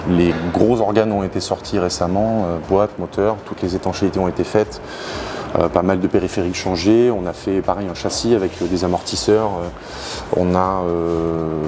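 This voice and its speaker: A garage owner with a deep voice and a steady tone shows customers' cars inside a large workshop hangar, speaking at a moderate pace. He chats casually as he explains, often hesitating and searching for words. Garage background noise is clearly audible.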